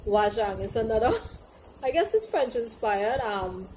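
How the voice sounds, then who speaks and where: A woman's voice: fairly high pitch, expressive, unhurried, darkish tone. A young woman with a Trinidadian Caribbean accent gives a casual, playful explanation to camera, slipping into local dialect examples. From Trinidad and Tobago. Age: young adult. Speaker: language teacher and presenter. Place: outdoor open porch with trees behind. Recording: clear background noise, outdoor ambience.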